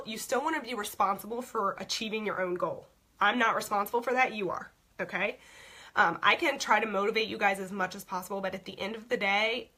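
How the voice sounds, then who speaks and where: Bright, husky woman coaching. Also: medium pitch. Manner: frank, repeats "okay?" often. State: voice going hoarse. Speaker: team leader teaching goal-setting. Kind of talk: casual instructional talk.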